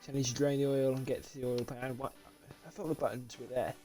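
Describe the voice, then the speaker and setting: A sleepy young British man, yawning now and then, rambles casually to himself while live-streaming a car repair game, often restarting sentences and laughing. His medium-pitched voice is flat, fast and warm, picked up by a desk mic with a webcam over soft background music.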